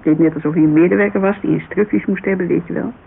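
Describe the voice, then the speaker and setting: A woman with a low, creaky voice talks fast, playing a chatty, loyal businesswoman giving a witness account in a naturalistic radio drama. Earnest and animated, she tells it informally with digressions, on a muffled, hissy old radio recording.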